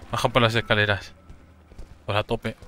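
A man from Spain with a Murcian accent, commenting on a game he is playing, breaking into loud surprised swearing and laughter. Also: on the low side, fairly even intonation, unhurried. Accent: Murcian Spanish. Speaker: gaming streamer. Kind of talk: gameplay commentary.

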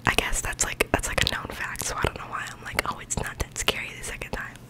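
Intimately whispering young woman. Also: fast. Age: young adult. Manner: rambling, informal, full of "like". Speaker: ASMR creator. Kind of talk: ASMR, whispered casual rambling storytelling. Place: small bedroom, indoors. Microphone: large microphone with foam cover, very close.

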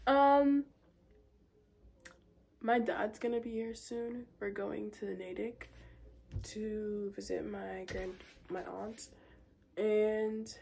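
A woman's voice: mid-range voice, gravelly, warm tone, slight background noise. A teenage girl in casual vlog chat, rambling with lots of filler words, filmed on a phone in her bedroom. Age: teens. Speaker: vlogger. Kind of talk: casual day-in-my-life vlog. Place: small bedroom at home. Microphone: phone camera propped nearby.

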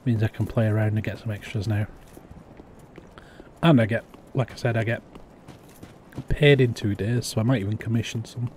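A man's voice: lowish voice, steady tone, normal speed, long pauses, darkish tone, a little hiss or hum. A young man chatting casually while playing a game on a live stream, muttering to himself as he goes.

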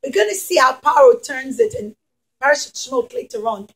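The speaker is a middle-aged preschool teacher whose high-pitched, animated voice has a breathy edge and a brisk pace. Indoors in her classroom, she tells young children a story using simple phrases that she repeats with emphasis.

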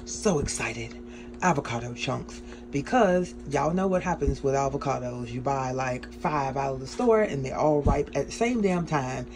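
A woman chatting excitedly in a casual grocery haul vlog from a small home kitchen, with many ums along the way. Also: a bass voice, normal speed. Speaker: vlogger.

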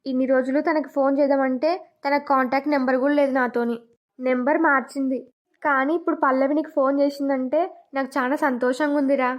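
Woman doing an eager young cartoon husband, high voice, dull audio. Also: flat delivery, fast, natural voice. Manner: eager questions.

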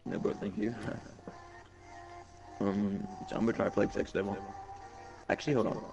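Hyped young streamer guy, low gravelly voice, a bit far from the mic, loud game music over him. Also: level tone, unhurried, lo-fi sound. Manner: hyped, slangy, reads chat aloud. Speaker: gaming streamer. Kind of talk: casual live-stream chat.

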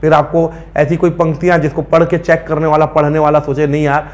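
A man's voice: fairly high pitch, flat delivery, a little fast, a little mellow. A man teaching an exam-prep class in a conversational lecture style, often stopping to check that students follow. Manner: conversational, checks understanding with frequent asides.

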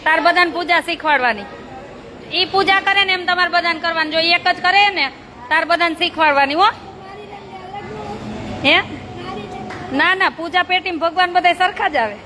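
The woman's pitch is extremely high and her tone sharp, speaking at normal speed with long pauses over a faint crowd. She runs a charity for slum children and talks casually with a group of them in a noisy, crowded outdoor setting, teasing, coaxing and scolding in a playful yet bossy way.

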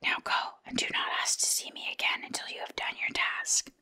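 A woman's voice: moderate pace, sharp tone. A woman voicing an imperious, bargaining giant wizard head from a storybook in a stern, commanding whisper.

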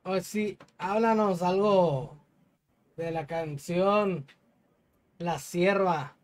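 An interviewer asking slow, unhurried questions in a casual interview. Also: mid-range voice.

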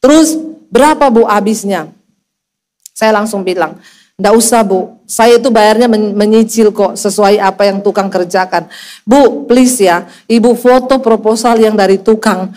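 A middle-aged woman pastor, preaching a storytelling sermon and acting out each voice with big pitch swings. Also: a little slow, darkish tone. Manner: acts out dialogue with dramatic pitch swings.

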